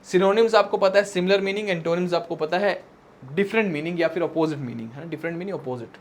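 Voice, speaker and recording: A male exam coach with a high-pitched voice gives a mixed Hindi and English vocabulary lecture. He reads each English definition out slowly and often checks that the students are following. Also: a little hiss or hum. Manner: explains patiently, reading English definitions slowly; tag questions to students. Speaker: exam prep teacher.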